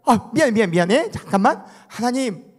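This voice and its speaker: A man voicing a flustered middle-aged pastor who apologizes in a hurried, sheepish way. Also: very high-pitched, expressive, long reverb tail, voice pushed up. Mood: flustered apologizing.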